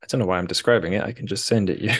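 A man with a low, husky voice hosts a podcast, chatting casually and rambling with plenty of fillers and self-deprecating asides.

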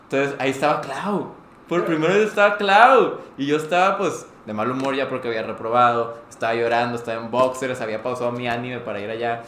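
A man's voice: medium pitch, fast talker. A young man with a Mexican Spanish accent, co-hosting a podcast and telling a story in casual chat, acting out quotes. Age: young adult. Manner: animated, acts out quotes with swearing. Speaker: podcast co-host. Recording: roomy echo, faint noise.

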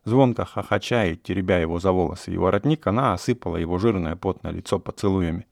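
A man narrating a classic story in a measured storytelling manner. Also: sits low, vocal fry, darkish tone, dry recording, studio quality. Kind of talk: audiobook narration of classic prose.

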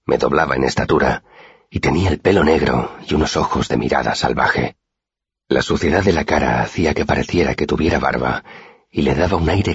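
A man narrating a first-person fantasy audiobook in an expressive storytelling manner. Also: a bass voice, slightly rough, dry recording, dull audio.

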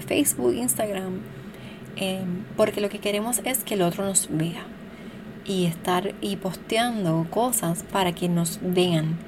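Brief: adult woman, parenting educator, loose conversational delivery, plays out little quotes, mid-pitched voice, faint noise behind. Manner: conversational, thinks aloud with fillers. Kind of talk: casual spoken talk on parenting.

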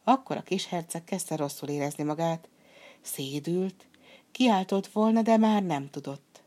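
Woman storyteller, low pitch, expressive fairy-tale reading.

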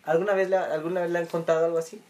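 A man's voice: a little high, level tone, very fast, a little mellow. A man hosting a joking casual chat, teasing his friend and repeating his name. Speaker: host.

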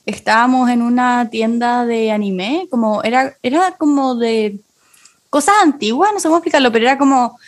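A young woman with a Chilean accent, telling a story in casual chat with friends, quick and giggly. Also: on the high side, no echo. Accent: Chilean Spanish.

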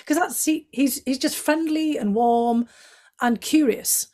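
Her voice is high-pitched and a little mellow, and she takes her time speaking. A middle-aged former intelligence analyst from County Durham, England, she has a Northeast English accent and answers the interview questions as a guest, fluently and frankly, with many fillers.

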